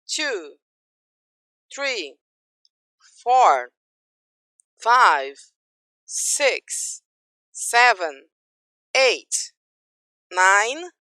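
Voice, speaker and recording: A woman teacher with a Brazilian accent, leading a recorded lesson and drilling words slowly for students to repeat. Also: high voice, a bit bright, no room sound. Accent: Brazilian Portuguese. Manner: slow, clear drilling with repeat-after-me prompts. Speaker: English teacher. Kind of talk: recorded online English lesson. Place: home, recorded during quarantine.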